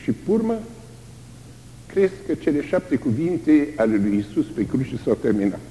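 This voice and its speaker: An older man preaching a sermon, dramatic and lively, sometimes crying out the screams of the tortured. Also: mid-range voice, a little hiss or hum. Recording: long hall reverb.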